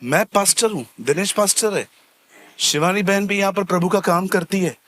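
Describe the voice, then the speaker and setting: A man preaching as a pastor in a church, animated and acting out little scenes of everyday people, slipping English words into his sermon. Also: sits high, moderate pace. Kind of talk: lively sermon.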